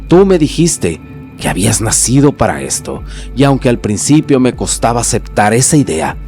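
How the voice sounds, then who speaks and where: A man's voice: mid-range voice, sing-song, moderate pace, warm tone, soft background music, close to an everyday voice. A man voicing a seasoned older male healer who speaks with earnest, fatherly resolve.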